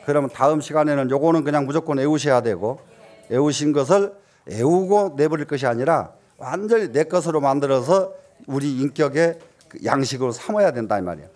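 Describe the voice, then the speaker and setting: A man giving a Buddhist dharma talk, often posing questions to the audience and answering them himself, with emphatic rises and soft dropped asides. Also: on the high side, animated, a little fast. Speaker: Buddhist teacher.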